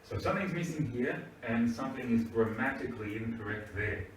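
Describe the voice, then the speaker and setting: With an expressive, mid-range voice and a brisk delivery, this man walks his class through English grammar, checking comprehension by patiently asking "right?" The room echoes, the microphone is distant, and a little background noise is audible.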